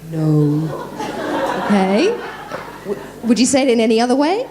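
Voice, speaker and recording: A woman voice coach giving a lively workshop at a conference, talking quickly and quizzing the audience. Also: on the high side, a crowd in the background, noisy background. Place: conference room.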